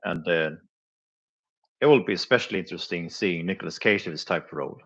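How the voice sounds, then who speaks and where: A man with a deep, fairly bright voice talks at a quick pace while reviewing flea market finds on a live stream. His chat is casual and hesitant, with lots of filler sounds and chuckles between thoughts, in a dull lo-fi recording.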